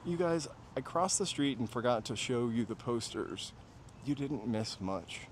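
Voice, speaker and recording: Unhurried and medium in pitch, a New Hampshire man hosts a walking livestream through city streets, casually rambling to his viewers. Outdoor traffic, passing vehicles, and urban ambience run in the background.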